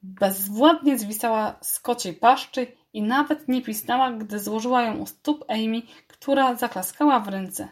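Woman reading a storybook, fairly high voice, lively narration. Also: a little slow, hardly any pauses.

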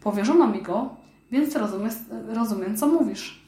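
A woman voicing a kind, clever young girl who talks bright and friendly. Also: mid-range voice, animated, normal speed, echoey room, lightly acted.

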